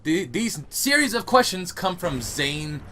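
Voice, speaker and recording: A man's voice: high-pitched, very animated, a little slow, pushed and bright. A young man hosting his gaming channel, chatting through a casual Q&A in a rambling, laughing way, recorded at home. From United States. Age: young adult. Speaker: YouTube gaming channel host. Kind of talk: casual Q&A monologue.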